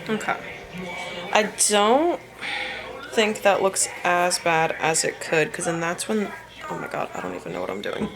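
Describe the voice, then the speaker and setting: A young woman from New Jersey, chatting casually and rambling through a sewing voiceover, with lots of "like" as she talks. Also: lowish voice. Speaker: sewing and cosplay vlogger.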